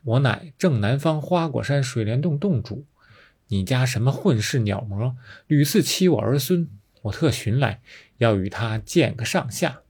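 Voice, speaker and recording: A man's voice: mid-range voice, lively intonation, moderate pace, a little mellow, slightly rough. A man voicing a brash, boastful male monkey king with a taunting, swaggering manner. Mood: challenging.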